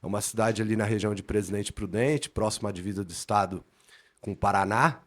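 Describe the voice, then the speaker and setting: Formal low-voiced police officer. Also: male voice, fast talker, fairly bright tone. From interior of São Paulo state, Brazil. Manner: earnest, formal, repeats words as he thinks. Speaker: police lieutenant colonel, guest. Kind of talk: podcast interview, telling his life story.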